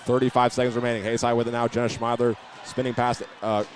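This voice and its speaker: Fast and flat, a medium-pitched man delivers live basketball commentary from an indoor arena, sometimes stumbling or repeating a word. A faint crowd can be heard within the noisy gym ambience.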